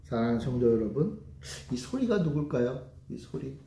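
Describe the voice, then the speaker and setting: A man's voice: medium pitch, sing-song, moderate pace, mellow, reverberant. A man preaching a sermon as pastor, emphatic and full of rhetorical questions to the congregation.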